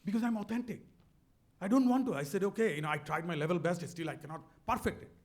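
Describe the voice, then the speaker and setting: On stage, a middle-aged man with a Bangladeshi accent tells a motivational story in a high, fast voice. He is earnest and emphatic, often repeating words.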